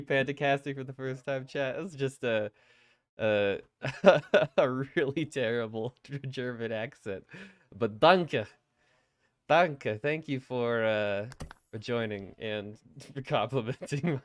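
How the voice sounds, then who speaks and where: A man's voice: mid-range voice, measured pace, no room sound. Chatty laid-back male streamer. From Colorado, USA. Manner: chatty, laughs easily, reads chat aloud. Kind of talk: casual live-stream chat.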